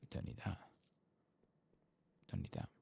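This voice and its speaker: Right up against the microphone, this quiet-voiced male gaming streamer offers leisurely ASMR commentary on his play. He mostly mutters to himself, occasionally drifting down toward a whisper.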